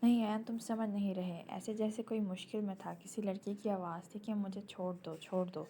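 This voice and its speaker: A woman reading an audio novel, voicing a shy young newlywed bride who speaks softly and in a hushed way. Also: medium pitch, steady tone, slight background noise, close to an everyday voice.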